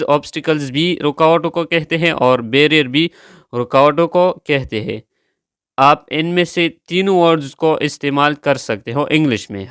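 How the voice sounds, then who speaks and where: Man, vocabulary teacher, slightly high voice, dry close sound. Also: a bit bright, clean tone, dry recording. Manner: repeats each word and spells it out slowly. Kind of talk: slow vocabulary lesson, spelling words letter by letter.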